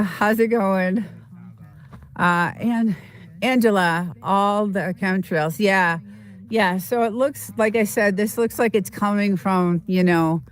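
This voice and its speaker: Sniffling with a slight cold, a woman with a lowish voice hosts a casual outdoor live stream in the desert. She greets viewers in rambling, halting speech thick with fillers.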